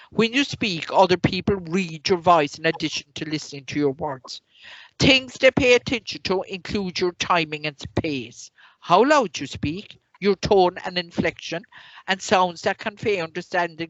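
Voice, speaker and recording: A woman's voice: on the low side, dry recording. A middle-aged woman teaching an online class. She reads through her lecture notes and keeps breaking off into rambling personal asides. Her voice comes through a dull, lo-fi and very dry recording. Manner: reads from notes, then adds loose asides with many fillers. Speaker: tutor.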